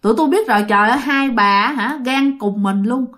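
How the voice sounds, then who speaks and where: A woman's voice: on the high side, a little fast, a bit bright, close to an everyday voice. A woman voicing a rescuer from a passing boat who scolds and warns. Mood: scolding. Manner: exclaiming, scolding.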